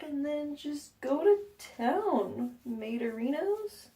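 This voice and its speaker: In a high, sing-song voice with a dark tone, a woman talks slowly through a casual how-to vlog in her bathroom at home. She rambles and chats with plenty of fillers and jokes about herself, her nose a little blocked.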